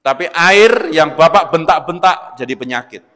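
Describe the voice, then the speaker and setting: A man preaching an Islamic sermon, swinging between loud emphatic bursts and quiet asides, often addressing listeners as "Pak". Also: a little high, expressive, moderate pace. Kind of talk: lecture-style religious sermon. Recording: long reverb of a large hall.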